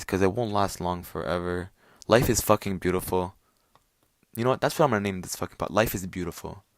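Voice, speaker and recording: On his casual solo rant podcast, a young Quebec host swears a lot and rambles, his talk packed with fillers and restarts. His voice sits low with a clean tone and no room sound.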